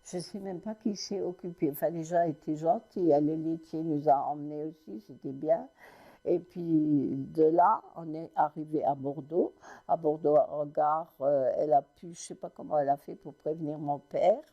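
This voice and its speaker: Halting elderly woman recalling the past. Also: low voice, steady tone, dark tone, dull audio. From Lorraine, France. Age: 90s. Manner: halting storytelling with many restarts. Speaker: interviewee recounting family memories. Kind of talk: oral history recollection.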